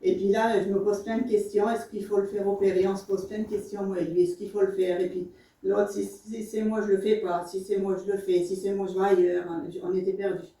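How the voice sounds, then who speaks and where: A woman's voice: medium pitch, little pitch movement, brisk, mellow. Woman telling a testimony in an echoey hall. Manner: emotional storytelling with many fillers. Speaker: church member giving testimony. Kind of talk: spoken testimony. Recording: echoey room, far from the mic.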